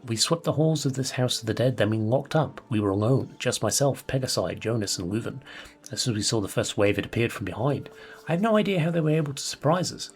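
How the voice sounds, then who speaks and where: A man's voice: on the low side, husky. A man voicing a doomed male mercenary, solemnly reading his farewell letter aloud in a put-on accent.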